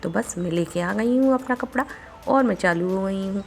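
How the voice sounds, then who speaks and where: Homely Bundelkhandi-accented woman, 40s, gravelly daily-vlog chatter on a phone mic. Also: mid-range voice, normal speed, faint music behind. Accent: Bundelkhandi Hindi. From India. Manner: chatty, homely, retells family talk. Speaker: vlogger. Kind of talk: casual daily vlog narration. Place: home, kitchen.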